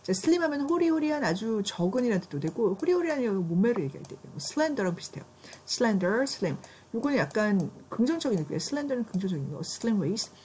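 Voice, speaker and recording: A Korean woman teaching English vocabulary in a classroom, brisk and checking in with her students often. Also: on the high side, very animated, a little mellow, a little hiss or hum.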